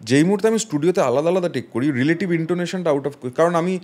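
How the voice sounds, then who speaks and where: A man with a slightly high-pitched voice, talking as a guest music producer. He explains carefully, building his points around musical examples. He drops English phrases in along the way. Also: lively intonation, fast, a little mellow. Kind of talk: explanatory interview talk.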